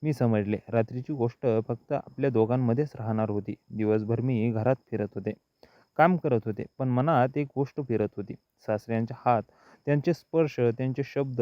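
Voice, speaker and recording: Male story narrator, mid pitch, unhurried and even, lo-fi dry recording. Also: no echo. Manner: slow, even first-person storytelling. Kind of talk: scripted audiobook narration.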